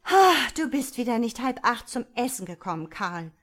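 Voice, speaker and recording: A woman's voice: fairly high pitch, animated, normal speed, voice pushed up, lightly acted. Woman playing a fussing old mother. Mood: scolding. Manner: scolding, lamenting.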